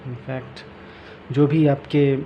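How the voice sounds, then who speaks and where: A man teaching English vocabulary, explaining a book and reading passages slowly aloud. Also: medium pitch, flat delivery, dull audio, a little hiss or hum. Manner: mixes English and Hindi, reads English slowly aloud.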